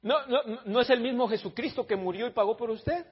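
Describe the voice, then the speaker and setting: A man's voice: very high-pitched, brisk, breathy edge. A man preaching a blunt, teasing sermon in a church, calling out his congregation, in a dull lo-fi recording. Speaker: pastor.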